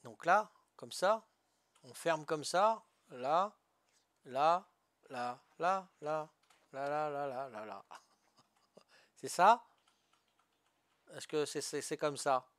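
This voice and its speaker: A man's voice: fairly high pitch, takes it slowly, a bit bright. An older man from Corsica chatting casually while playing a game, good-natured and often asking if he is doing it right. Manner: good-natured, lots of "hein" and "voilà", asks for guidance. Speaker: gamer streamer. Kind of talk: casual gameplay chat.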